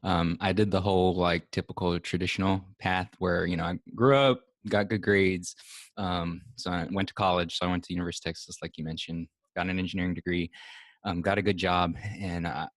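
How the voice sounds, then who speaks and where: A young man from Hawaii speaking as a podcast guest, relaxed and laid-back, with a lot of filler words. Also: sits low, a little fast, no echo, clean studio sound. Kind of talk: casual conversation.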